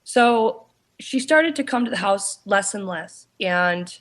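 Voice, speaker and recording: A woman, a paranormal investigator and author, telling her story in a casual interview, often pausing with "you know" and restarting her sentences. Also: mid-range voice, expressive.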